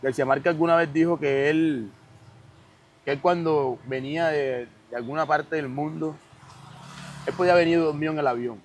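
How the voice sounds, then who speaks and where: A man's voice: fairly high pitch, steady tone, moderate pace. Caribbean Colombian man over background noise. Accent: Colombian Caribbean, from Cartagena. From Cartagena, Colombia. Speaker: podcast guest. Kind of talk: casual conversational explanation.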